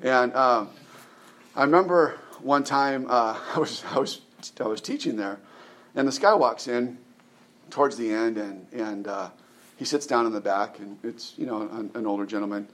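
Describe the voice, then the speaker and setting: A man's voice: medium pitch, normal speed, fairly bright tone. A man in his forties preaching a conversational sermon, rambling with lots of restarts and tag questions. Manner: rambling, many restarts and "right?" tags. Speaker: pastor.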